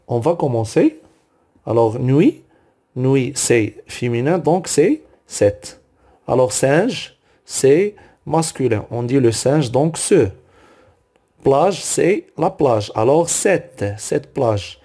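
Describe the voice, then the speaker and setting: A man's voice: mid-range voice, lively intonation, slow pace, mellow. A man teaching a grammar lesson, working through exercises word by word, repeating each item and correcting his own slips. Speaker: French teacher. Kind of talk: slow explanatory grammar lesson.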